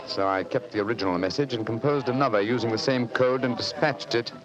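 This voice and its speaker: An actor playing Sherlock Holmes as a self-assured, brilliant detective, with a clipped British delivery in 1940s radio drama style. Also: male voice, medium pitch, fast talker, lo-fi sound, lightly acted. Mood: composed, knowing. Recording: old radio broadcast with music behind.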